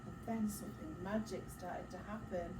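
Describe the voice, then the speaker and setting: Reading a picture book to a group of children, this woman teacher speaks at medium pitch and normal speed. She performs it expressively with dramatic gasps, stopping now and then for encouraging prompts, questions and asides. The mic is distant, so the sound is roomy and background noise comes through clearly.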